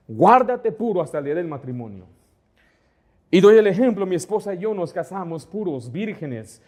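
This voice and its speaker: A middle-aged man preaches a sermon in a fairly high voice. He keeps turning to his listeners with rhetorical questions. He acts out the back-and-forth of his anecdotes as he goes. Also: big pitch swings, moderate pace, a little mellow. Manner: asks the congregation rhetorical questions; acts out dialogue within anecdotes. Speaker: pastor.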